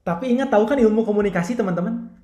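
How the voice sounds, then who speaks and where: A man's voice: sits high, racing, warm tone. A young man with a Bandung Indonesian accent leads a casual church discipleship class, chatting with listeners and acting out bits of dialogue. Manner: conversational, acts out quoted dialogue, asks listeners questions. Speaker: youth ministry leader teaching a discipleship class. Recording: roomy echo.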